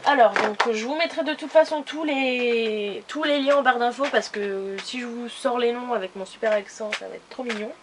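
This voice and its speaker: A woman's voice: on the high side, normal speed, few pauses, background noise. A woman chatting casually in a haul video, rambling with many fillers and restarts. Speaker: beauty vlogger.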